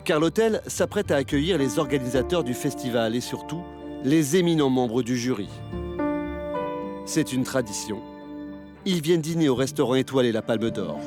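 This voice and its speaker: A man narrating a television documentary in a measured, lightly ironic voice-over. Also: mid-range voice. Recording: voice-over over loud music.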